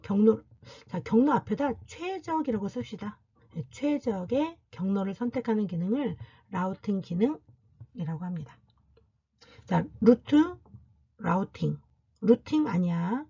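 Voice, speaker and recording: A woman's voice: mid-range voice, animated, measured pace, mellow, breathy edge, dull audio. A woman university lecturer giving a recorded classroom lecture, explaining step by step and asking and answering her own questions.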